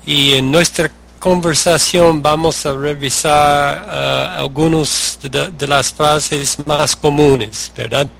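A man's voice: on the high side, steady tone, slow pace, vocal fry, hardly any pauses, fairly bright tone. A man from the United States with an American English accent, speaking Spanish hesitantly and asking questions on a podcast. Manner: hesitant, questioning, short acknowledgements. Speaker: podcast co-host, learner. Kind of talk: casual podcast chat.

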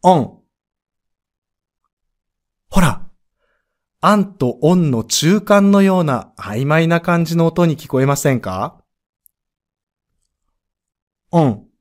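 Slow, animated man teaching pronunciation. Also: fairly high pitch. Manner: explains step by step, sounding out letters and vowels. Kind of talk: podcast pronunciation lesson.

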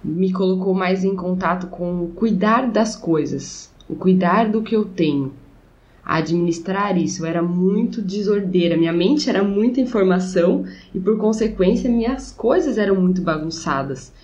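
A woman's voice: fairly low pitch, normal speed, a little mellow, lo-fi sound. A woman in casual conversation, speaking reflectively about her own experience.

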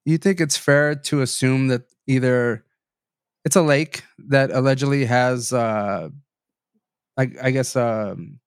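Young male podcast host, stuffy-nosed, rambling, mid-pitched, dry mic. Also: slow, clear, resonant tone, dry recording. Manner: rambling with fillers and restarts. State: stuffy sinuses. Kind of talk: casual chat, reading news aloud.

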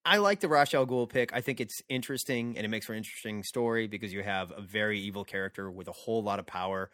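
A man's voice: lowish voice, fast talker, a bit bright, studio quality. A man co-hosting a casual comic-book podcast, recorded in a basement with some echo. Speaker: podcast co-host. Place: basement, indoors. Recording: basement echo, music behind. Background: music.

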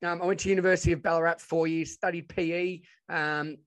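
A man with a broad Australian accent speaks in a slightly high voice. He is informal and enthusiastic, telling stories in a casual, chatty way as a guest being interviewed. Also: level tone, fast. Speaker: podcast guest, educator and presenter.

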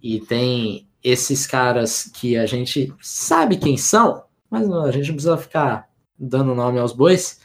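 A man co-hosting a sports podcast, talking in a relaxed, rambling way with many restarts. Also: mid-range voice, takes it slowly, gravelly. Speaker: podcast co-host. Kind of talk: casual sports podcast analysis.

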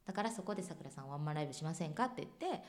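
Lively woman telling a story. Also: deep voice, very fast. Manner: animated, expressive storyteller. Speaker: singer, interview guest. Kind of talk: casual storytelling interview.

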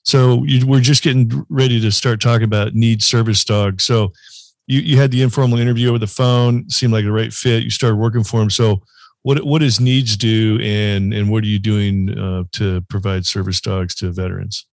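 A man with a lowish voice presents an interview show. He handles both questions and scripted reads, and the sound is very dry, with hardly any room in it. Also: steady tone, moderate pace, no echo. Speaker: podcast host. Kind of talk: interview hosting and scripted sponsor read.

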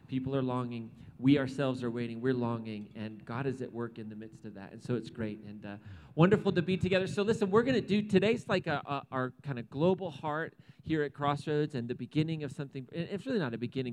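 A man with an ordinary middle-pitched voice leads a church service as its pastor. He talks casually and upbeat, rambling and restarting his sentences. His tone is conversational rather than formal. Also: poor audio. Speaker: pastor and host. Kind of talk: sermon introduction.

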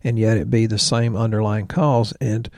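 A man in his sixties chats on a health podcast with a gravelly, rough-edged voice. He rambles into side stories and drops joking asides. The sound is dry and close, with no room around it. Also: lowish voice, fairly even intonation, normal speed, a little mellow, dry recording. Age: 60s. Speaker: podcast co-host, health practitioner. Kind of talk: casual health podcast chat.

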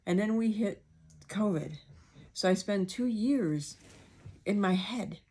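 A woman's voice: medium pitch, slow, mellow, husky. A woman podcast host with a speech impediment on her R's and S's, talking candidly and informally in a rambling personal monologue, acting out remarks she quotes.

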